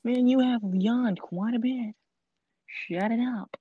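A man's voice: extremely high pitch, slow, mellow, breathy edge, no room sound. A man co-hosting a casual podcast from his bedroom, playful and teasing. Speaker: podcast co-host. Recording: dry, dull lo-fi audio.

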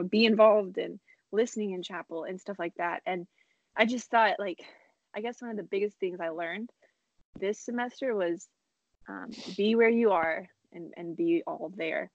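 A woman's voice: lowish voice, gravelly, no echo. Lo-fi young woman podcast co-host. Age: 20s. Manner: animated storyteller who acts out her own past remarks. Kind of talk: casual podcast chat. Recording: dull lo-fi internet call audio.

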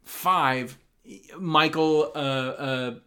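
A man's voice: fairly high pitch, drawn-out words, bright, forceful tone. Rambling man recapping horror films. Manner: rambling, many fillers and restarts. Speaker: podcast co-host. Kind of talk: casual podcast chat recapping films.

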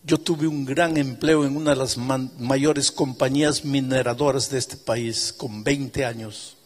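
A man voicing a grieving former drunkard who speaks quietly and pleads in a remorseful tone, heard with the long reverb of a large hall. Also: mid-range voice, fairly even intonation, measured pace, natural voice. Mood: sorrowful.

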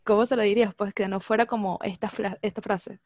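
A woman in casual chat, lively and slangy, laughing often and acting out quotes. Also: medium pitch, brisk, no echo, studio quality.

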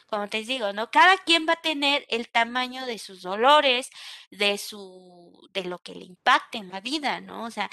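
A Mexican woman in her young adult years leads an online class, talking in a chatty, lively way and checking in with her listeners. Her voice is bright and sits fairly high. The sound is dry and close. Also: no room sound. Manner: lively, chatty, asks "¿no?" often. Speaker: teacher.

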